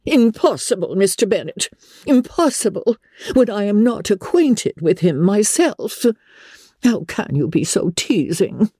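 A woman voicing an excitable, querulous middle-aged mother in an audiobook of a classic novel, shrill, gushing and complaining. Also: measured pace, husky, no echo, studio quality. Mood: flustered, exasperated.

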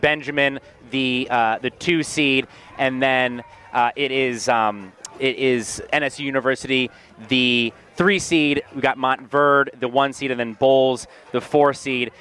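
A man hosting a live high school sports broadcast from a school field, chatting energetically with many fillers. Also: a little slow, clean tone. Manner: energetic, filler-heavy play-by-play chat. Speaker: radio sports host.

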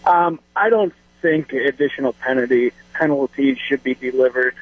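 A man's voice: medium pitch, normal speed, slightly rough, dry recording. A man calling in to a radio show over the phone, speaking casually and hesitantly, with frequent ums and restarts. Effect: phone line on a radio call-in show. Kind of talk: casual call-in opinion. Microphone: telephone. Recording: tinny phone-line call audio.

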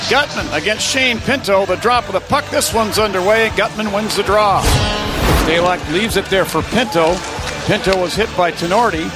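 Male hockey announcer. Rapid play-by-play, very high voice, big shouted drawn-out calls, over loud music. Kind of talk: live sports commentary. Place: sports broadcast booth at an arena.

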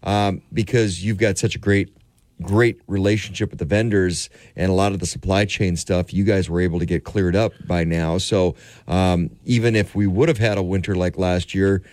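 A man's voice: sits low, moderate pace, no room sound, clean studio sound. A man hosting a local radio talk show, chatting casually and joking with his guest. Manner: joking, lively back-and-forth. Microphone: studio mic.

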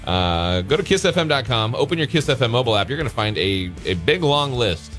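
A man's voice: medium pitch, big pitch swings, a little fast, a bit bright, faint music behind. An American man, a morning radio host, doing a contest promo in a casual, bantering, conversational way.

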